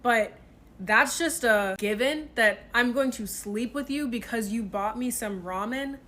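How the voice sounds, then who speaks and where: A woman's voice: a little high, measured pace, fairly bright tone. A woman giving casual, confident, slick advice in a blunt, sassy, sweary way with emphatic rhetorical questions. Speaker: dating advice video creator. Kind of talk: casual chatty advice monologue.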